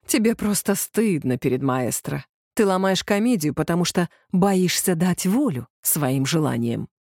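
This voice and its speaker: A woman's voice: on the low side, animated, darkish tone, no echo, clean studio sound. A woman doing a smug, arrogant young male musician. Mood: menacing. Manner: slow and self-satisfied.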